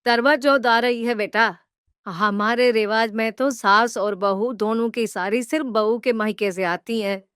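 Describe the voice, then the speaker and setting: A woman's voice: a little high, steady tone, unhurried, fairly bright tone, clean tone, dry recording, studio quality. A woman voicing a greedy, scheming middle-aged mother-in-law in a cartoon, bossy and nagging. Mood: demanding. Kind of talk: cartoon voice acting.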